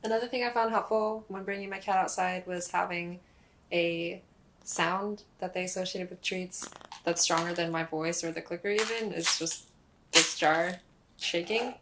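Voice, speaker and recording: A woman's voice: lowish voice, steady tone, normal speed, noisy background. A young woman in a casual instructional vlog, explaining pet training in a friendly, chatty way with occasional fillers. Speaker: cat owner explaining leash training.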